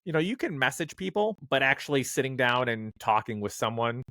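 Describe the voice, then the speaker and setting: A man's voice: mid-range voice, very animated, a little fast, fairly bright tone, no echo, studio quality. A man hosting a podcast, chatting casually and rambling with lots of fillers and restarts. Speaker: podcast host.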